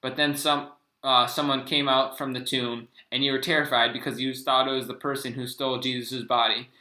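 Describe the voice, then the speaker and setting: Young man reading flatly in roomy echo. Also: medium pitch, a little fast. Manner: stumbling reading with restarts. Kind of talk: reading a class presentation aloud.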